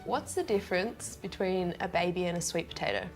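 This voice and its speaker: Creaky-voiced woman telling dark dad jokes. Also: lowish voice, a little fast. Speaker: contestant in a try-not-to-laugh joke challenge.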